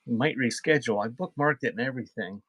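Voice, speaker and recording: Speaking fast in a mid-range, slightly bright voice, this online seller runs a relaxed live cassette sale on a dry recording. Between album titles he banters spontaneously with his viewers.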